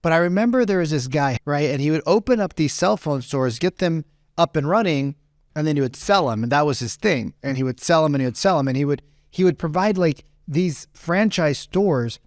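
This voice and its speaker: Brief: man in his thirties, casual storyteller, slightly high voice, dry close mic, rambly with "right?" tags. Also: lively intonation, a little fast, no room sound. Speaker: podcast guest.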